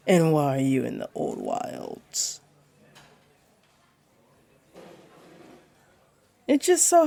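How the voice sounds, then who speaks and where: In a roleplay audio, a woman plays a flirty, comforting female jaguar beastling with a deep, mellow voice and a teasing, soothing touch. Her performance is heavily acted with vocal fry, and the mood is inviting and playful.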